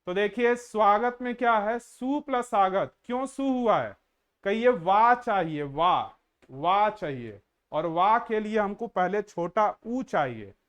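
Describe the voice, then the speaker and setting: A man teaching an exam-prep grammar lesson, slowly drawing out sounds and asking the viewer questions as he goes. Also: high voice, expressive, a bit bright, smooth.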